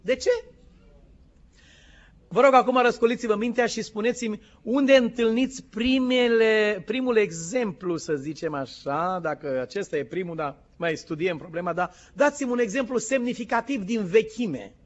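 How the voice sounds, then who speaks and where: A man preaching a sermon as pastor, impassioned and quizzing his congregation. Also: sits high. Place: church in the United States. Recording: dull lo-fi recording.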